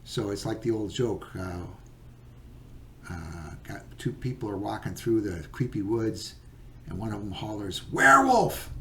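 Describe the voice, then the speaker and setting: A man teaching a recorded geometry lesson, patient and unhurried, with many fillers and okays. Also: on the low side, a little mellow, slight background noise.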